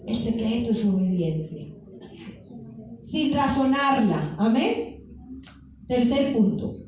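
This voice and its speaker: A woman's voice: high-pitched, warm tone, a little hiss or hum. A woman preacher giving a fervent sermon, speaking directly to her congregation in a church. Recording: echoey hall from far off.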